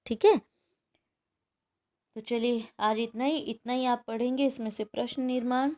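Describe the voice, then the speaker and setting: A woman's voice: a little high, steady tone, moderate pace, darkish tone. Woman teacher explaining a chapter, "है ना?" checks. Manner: reads a passage, then explains it with frequent "है ना?" checks. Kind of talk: explaining a textbook chapter to pupils.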